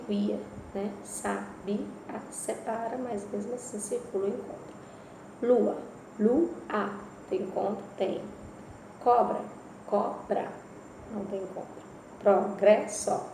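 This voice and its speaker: A woman teacher with a Brazilian accent and a mid-range voice gives a remote Portuguese lesson in an echoey room with faint noise. She explains step by step, posing questions and then answering them herself.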